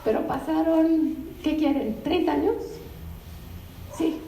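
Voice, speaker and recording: An older woman tells stories to an audience in a lively, chatty way, her voice high but mellow in tone. She sounds some way off the microphone in a roomy bookstore space, with a faint hum of ambience behind her. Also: slow pace, distant mic. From Mexico. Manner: animated, conversational storytelling with asides to the audience. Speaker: literary translator giving a talk. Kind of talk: anecdotal public talk. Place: bookstore event room.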